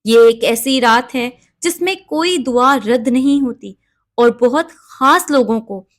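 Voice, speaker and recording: Calm, slightly high-voiced woman teaching prayer. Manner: calm, measured, recites Arabic prayers in between. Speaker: religious instructor. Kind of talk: step-by-step prayer instruction.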